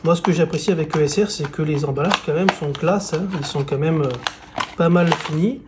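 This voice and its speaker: A man presenting and unboxing phone accessories in a casual, relaxed way, with frequent fillers. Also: a little high, fairly quick, background noise. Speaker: tech reviewer.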